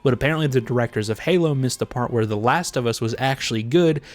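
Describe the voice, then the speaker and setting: Speaking fast in a mid-range voice, this man hosts video essays, delivering casual, opinionated commentary that's blunt, sarcastic and full of profanity.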